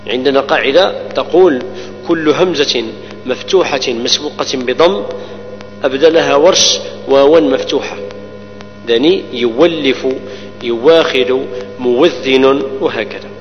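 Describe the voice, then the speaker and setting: A man leads a Quran recitation lesson, explaining each rule patiently and drawing out the verses slowly. His voice rings with a long reverb and sounds dull and lo-fi. A mains hum and faint music sit underneath. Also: mid-range voice.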